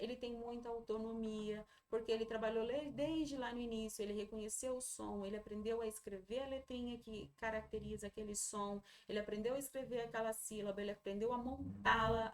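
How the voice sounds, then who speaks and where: A woman teacher, warmly guiding parents through a literacy workbook and slowly sounding out syllables. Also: mid-range voice. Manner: warm, encouraging, slows and sounds out syllables.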